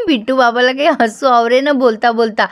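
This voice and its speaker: A woman casually retelling a TV serial episode, lively, acting out the dialogue and laughing along. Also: on the high side, moderate pace. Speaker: TV serial recap narrator.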